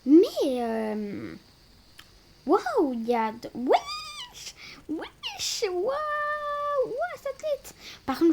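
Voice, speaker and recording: A high-pitched woman chatting through a video game, her voice swinging widely from squeals to mutters. She gets excitable and loud, then slips into hushed whispered asides, talking casually indoors late at night. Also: slight background noise. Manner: excitable, bursts into loud exclamations. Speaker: gaming video creator. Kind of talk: casual let's-play commentary.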